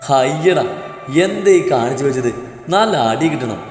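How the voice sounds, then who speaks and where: A man's voice: on the high side, expressive, fairly quick, darkish tone, natural voice. A man playing a blunt, teasing young husband. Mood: mock scolding. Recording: roomy reverb with faint music.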